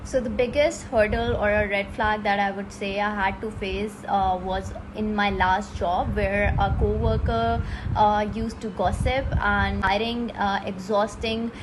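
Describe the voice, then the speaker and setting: A woman's voice: mid-range voice, steady tone, a little slow. Young woman speaking carefully, noisy. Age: 20s. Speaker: guest. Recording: noisy background.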